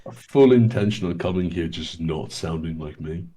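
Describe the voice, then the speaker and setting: A man's voice: low-pitched, normal speed, noisy background. A man with an English accent, chatting casually as a guest who rambles and laughs often. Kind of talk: casual chat.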